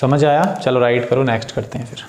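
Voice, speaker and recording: A man's voice: mid-range voice, fairly even intonation, fast, darkish tone. A man teaching a physics lesson, patiently working through solved problems, asking questions and answering them himself. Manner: patient, addresses students as beta, asks and answers own questions. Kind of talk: classroom problem-solving lesson.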